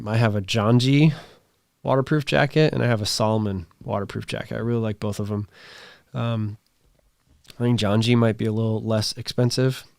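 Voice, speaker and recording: A man in his thirties hosts a live stream, chatting casually and reading out viewer comments as he rambles with plenty of fillers. His voice is strained, raspy, fairly low and a little mellow. The recording is dry and of studio quality.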